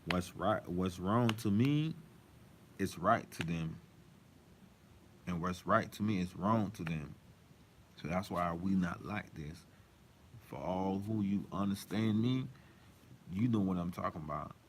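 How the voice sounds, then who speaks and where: A man's voice: low voice, measured pace, pauses often. A man talking in a casual, rambling monologue, emphatic and repetitive. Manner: rambling, emphatic, repeats himself. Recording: faint background noise.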